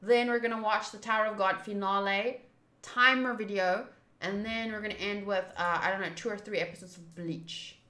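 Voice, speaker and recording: This young woman hosts a game playthrough livestream from a room in her home, offering casual commentary and chat with viewers. Her medium-pitched voice is sharp in tone, with fairly even intonation and a moderate pace, and the recording is reverberant.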